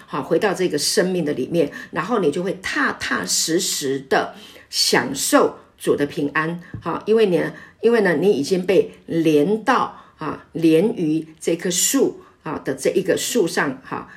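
Woman pastor, middle-aged, lowish voice, emphatic sermon delivery with many fillers. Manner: warm, emphatic preaching with frequent filler sounds.

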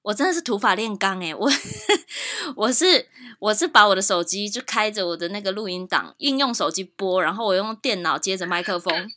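Woman cohost, bright voice, laughing exasperated chatter, muffled rerecorded audio. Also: medium pitch, expressive, a little fast. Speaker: podcast co-host. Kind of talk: casual chat.

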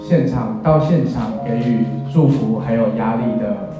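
Speaking unhurriedly in a mid-range voice, a Taiwanese-accented man in his thirties officiates a wedding and pokes gentle, wry fun at himself while talking to guests in a church. The audio is dull. Music sounds in the background of a heavily echoing church hall.

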